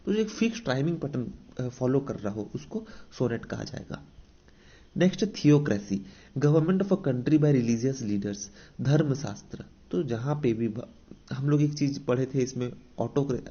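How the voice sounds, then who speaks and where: A man with an Indian accent teaches vocabulary in a coaching-lesson style, with a husky, mellow voice. He repeats each point and asks his students rhetorical questions. The recording sounds dull and lo-fi. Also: medium pitch. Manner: explains with repetition and rhetorical questions; mixes English definitions into Hindi speech.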